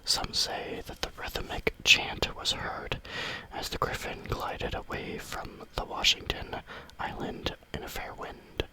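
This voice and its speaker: A man reading spooky stories aloud as ASMR in a breathy, unvoiced whisper, with deliberate phrasing. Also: rough recording.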